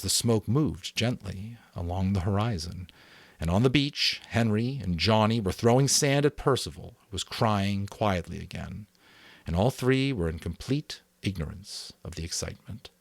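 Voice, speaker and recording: A man with a deep, gravelly voice gives a dramatic audiobook reading of a novel, recorded dry. An amateur voice actor, he sometimes stumbles, rereads lines, and stops to redo a take.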